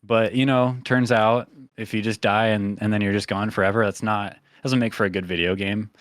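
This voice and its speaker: A man hosting a podcast in casual chat, rambling with lots of fillers and getting animated when he tells a story. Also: fairly low pitch, moderate pace, dry recording, clean studio sound. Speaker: podcast host.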